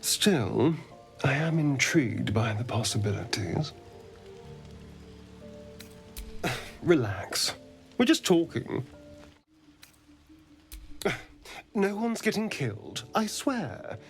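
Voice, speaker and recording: He's a sly, refined vampire flirt, a video game companion whose dialogue comes in a slow, theatrical, teasing drawl. His sing-song, heavily acted pitch swoops widely and sometimes dips into breathy asides, and he sounds mildly exasperated. Faint music plays in the background.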